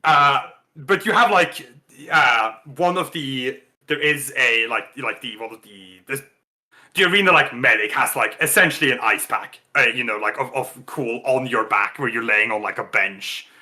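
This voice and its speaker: A man's voice: medium pitch, moderate pace, pushed and bright. A man narrating a tabletop game as game master, rambling with lots of restarts. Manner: rambling, full of fillers and restarts, laughs often.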